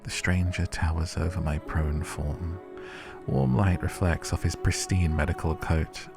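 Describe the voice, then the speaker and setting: A man gives dramatic narration of a grim game story, his very low voice carrying a creaky edge and a steady tone. Music plays underneath as he reads in a measured, theatrical way within a narrow melodic range.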